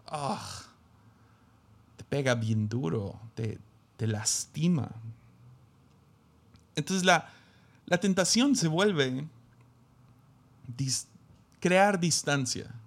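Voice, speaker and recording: Gravelly-voiced man preaching reflectively. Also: mid-range voice. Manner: reflective, reads scripture aloud then muses with restarts. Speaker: pastor. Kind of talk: sermon.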